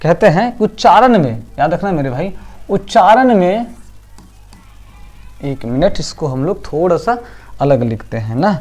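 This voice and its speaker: A man's voice: high voice, sing-song, a little slow, long pauses, darkish tone, soft background music. A man teaching a grammar class. He repeats each point, asks his students questions and answers them himself, and sometimes chants vowel sounds aloud. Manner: repetitive drilling, rhetorical questions to students. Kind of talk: online class lecture.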